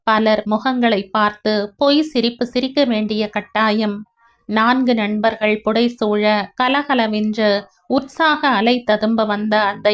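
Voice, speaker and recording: Slow, high-voiced woman narrating a story. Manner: slow, even, emotional reading. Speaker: audiobook narrator. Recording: dull lo-fi recording.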